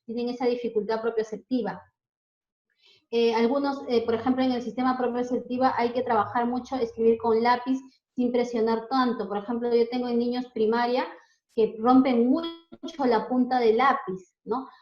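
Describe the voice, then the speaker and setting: Woman therapist talking to parents, highish voice, keeps asking "right?", echoey dull recording. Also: steady tone, moderate pace. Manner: explanatory, ends phrases with tag questions. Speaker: child development therapist. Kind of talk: educational talk to parents. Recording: roomy, dull lo-fi sound.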